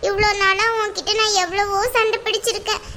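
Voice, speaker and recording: A woman's voice: very high voice, flat delivery, a little fast, a little hiss or hum. Woman doing a tearful little cartoon girl. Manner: hesitant, softly sad. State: crying. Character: sad tearful young girl.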